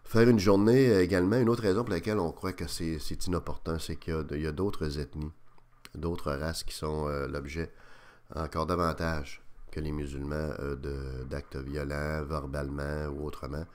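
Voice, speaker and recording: Man, Quebec French accent, very low voice, radio commentary, halting with lots of fillers. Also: little pitch movement, a little mellow. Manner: hesitant, many fillers and restarts, grows emphatic. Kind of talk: opinion monologue on radio.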